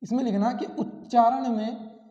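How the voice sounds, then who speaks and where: A man's voice: very high voice, steady tone, measured pace, warm tone. A man teaching an exam-prep grammar lesson, repeating key terms and asking rhetorical questions. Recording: echoey, dull lo-fi classroom sound.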